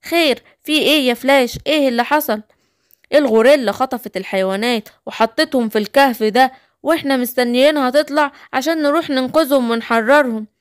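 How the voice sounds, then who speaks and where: A woman's voice: high-pitched, fast talker, clean tone, no echo, clean studio sound, close to an everyday voice. A woman with an Egyptian accent voicing a brave male superhero who speaks urgently and decisively.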